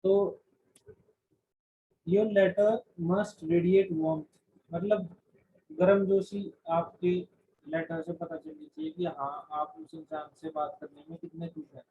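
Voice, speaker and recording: A man's voice: high-pitched, animated, slow, vocal fry, long pauses, slightly rough. A man teaching a class, explaining in Hindi mixed with English terms and often restarting his sentences. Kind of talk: classroom lecture. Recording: dull lo-fi recording.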